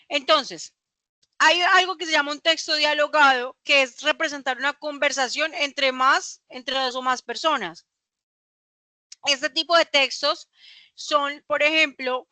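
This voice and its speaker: A woman's voice: high voice, sharp tone, no room sound. A young woman, teaching a class and explaining patiently with rhetorical questions. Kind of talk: classroom lecture.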